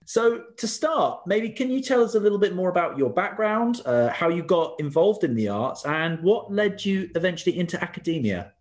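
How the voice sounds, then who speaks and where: A man hosting an interview, reading a formal guest introduction and asking measured questions. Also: high voice, lively intonation. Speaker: host. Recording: roomy echo.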